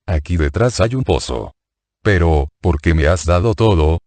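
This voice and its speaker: Man voicing a gentle teacher, calm, kind, deep, dry. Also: moderate pace, dry recording.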